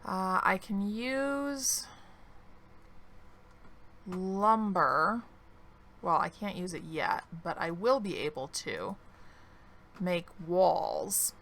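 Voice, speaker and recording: Slow-talking woman with a gravelly voice. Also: mid-range voice, fairly bright tone. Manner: slow, thinking aloud while playing. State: losing her voice, clearing her throat. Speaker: gaming video creator. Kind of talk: relaxed let's-play commentary.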